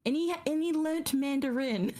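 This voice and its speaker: A woman's voice: high-pitched, moderate pace, mellow. A woman streamer in casual chat, telling things in a rambling, giggly way.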